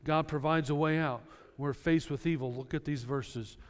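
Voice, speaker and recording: Earnest preacher in a reverberant church. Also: male voice, a little high, steady tone, normal speed. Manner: earnest preaching with plain everyday examples. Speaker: pastor. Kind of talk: sermon. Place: church sanctuary.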